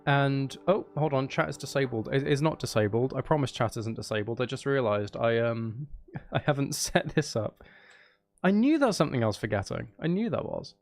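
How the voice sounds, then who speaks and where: Brisk and animated, a man with a mid-range voice chats on his game livestream, rambling casually and poking fun at himself. He works as both a game streamer and an audiobook narrator.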